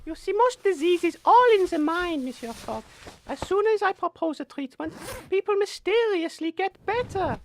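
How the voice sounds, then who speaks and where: A woman with a very high, animated voice speaks at normal speed over slight background noise, playing a cheerfully menacing quack lady doctor who drops French phrases in a theatrical comedy sketch. Her mood is smugly sinister and her delivery theatrical yet politely sinister, as audio sketch comedy acting.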